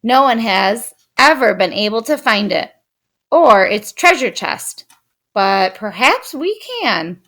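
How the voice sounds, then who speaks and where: Woman reading librarian, brisk, helpful, storybook, lively pitch. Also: full character voice.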